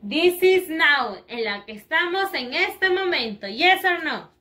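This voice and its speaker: Woman, schoolteacher, high voice, slow deliberate pace for repetition drills. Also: lively intonation, pushed and bright, echoey room, distant mic. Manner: slow, drawn-out words for children to repeat; switches between English and Spanish. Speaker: primary school English teacher. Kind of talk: bilingual classroom lesson.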